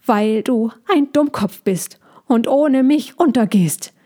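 A woman's voice: a little slow, darkish tone. A fussy, scolding little hedgehog, as a woman reading a story puts him on. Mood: agitated. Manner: high, agitated and scolding. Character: fussy anxious male hedgehog, small and scolding.

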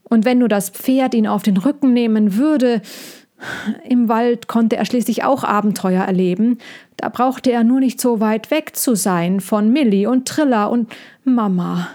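Slow, measured woman reading a storybook. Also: fairly high pitch, dark tone. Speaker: narrator.

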